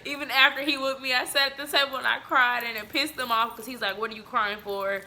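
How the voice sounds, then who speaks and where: Woman, 20s, podcast co-host, bright tone, animated storyteller. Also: high voice, fast talker. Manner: animated storytelling, laughs often. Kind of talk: casual chat.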